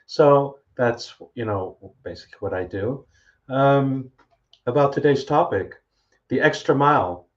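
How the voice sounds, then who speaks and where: A man's voice: mid-range voice, unhurried. A man speaking earnestly and emphatically as a guest on a motivational panel. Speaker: guest coach for entrepreneurs. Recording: dull, lo-fi audio.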